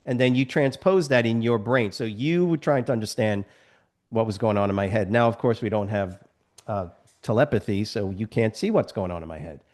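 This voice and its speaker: A man teaches a class over a video call and keeps checking that everyone follows. He often acts out short little scenes. His pitch jumps around a lot. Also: a little mellow. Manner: acts out little scenes with other people's voices. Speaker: instructor. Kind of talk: live online lecture.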